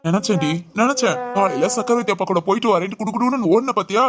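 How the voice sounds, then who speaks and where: A man voicing a stern policeman husband who scolds his wife with quick, mock-stern retorts in an audio drama. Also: high-pitched, loud music behind the voice, lightly acted. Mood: scolding. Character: stern policeman husband, gruff but teasing.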